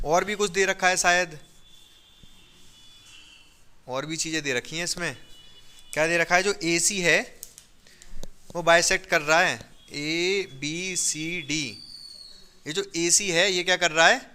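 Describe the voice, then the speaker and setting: Bright, crisp-voiced male maths teacher. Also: fairly high pitch, normal speed, pauses often. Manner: coaxing, checks understanding often; repetitive, stresses reasons. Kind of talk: classroom maths lesson.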